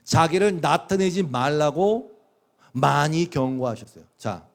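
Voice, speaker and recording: Animated pastor preaching, slightly high voice. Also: male voice, unhurried, vocal fry. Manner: animated, acts out quoted voices with big pitch swings; conversational, asks the congregation questions. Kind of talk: sermon.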